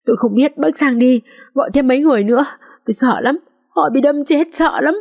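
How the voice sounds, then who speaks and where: A woman doing a frantic older housemaid in an audio story, her voice pitched sharply up and wailing for the neighbours. she sounds breathless with fear. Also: a little fast, a little mellow, dry recording, clean studio sound. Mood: panicked. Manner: shrieking, pleading cries for help. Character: terrified older female housemaid, panicked.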